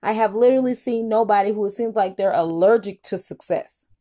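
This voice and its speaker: A woman's voice: mid-range voice, a little fast, mellow. A woman YouTube commentator giving mocking reaction commentary, talking scornfully and lecturing.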